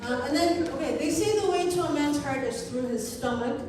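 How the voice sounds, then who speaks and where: A woman from Kenya doing a stand-up set, delivering dark one-liners in a deadpan, deliberate way. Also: high voice, noisy background. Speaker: stand-up comedian. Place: comedy venue with live audience. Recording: echoey room from far off, loud crowd.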